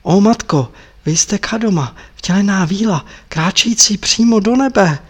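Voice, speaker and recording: A man voicing a humble, eager young male disciple who speaks softly and gratefully. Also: fairly high pitch, fairly even intonation, gravelly. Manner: soft, hushed, grateful.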